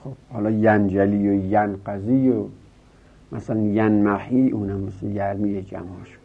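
A man's voice: fairly low pitch, steady tone, breathy edge. A man giving a grammar lesson, explaining step by step and chanting verb forms in a rising sing-song. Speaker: teacher. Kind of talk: Arabic grammar lesson in Persian. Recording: tinny phone-like recording.

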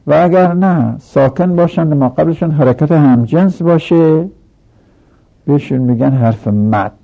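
A man with a gravelly, husky voice teaches a grammar lesson from a textbook. He goes through each rule slowly and backs it up with one example after another. The recording sounds dull and lo-fi. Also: fairly high pitch. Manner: explains step by step with repeated examples.

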